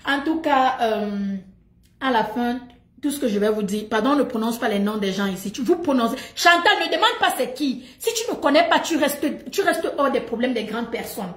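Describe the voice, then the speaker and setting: A middle-aged woman talks to her live audience in an animated, emphatic way, repeating herself and laughing often. Her voice sits a little high for a woman. The room gives it a noticeable echo. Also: normal speed. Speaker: live streamer. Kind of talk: animated gossip monologue. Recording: roomy echo.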